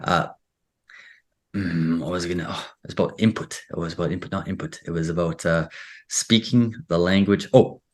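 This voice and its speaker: Very deep-voiced man, rambling storyteller. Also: steady tone, moderate pace, darkish tone. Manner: rambling, self-interrupting storyteller. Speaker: guest, English teacher. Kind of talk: casual conversational interview.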